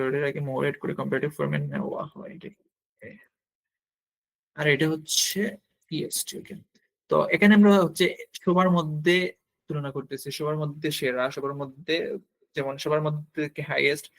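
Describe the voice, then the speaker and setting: Bangladeshi man teaching grammar, slightly high voice. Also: a bit bright. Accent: Bangladeshi Bengali. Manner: explains step by step, asks and answers his own questions; writes on a board while talking, with pauses and restarts. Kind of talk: online grammar lesson.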